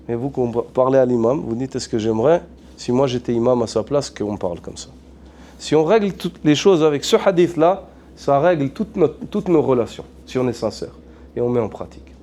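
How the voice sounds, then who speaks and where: A man's voice: mid-range voice, mellow, slight background noise. A man, an imam, preaching a sermon earnestly, mixing in Arabic phrases and asking repeated rhetorical questions.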